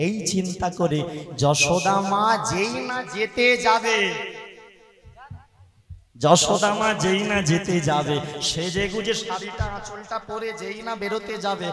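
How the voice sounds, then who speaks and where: A man performing devotional kirtan, telling a story with drama and singing between the lines. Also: sits high. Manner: dramatic, acts out the characters. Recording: echoey hall with music.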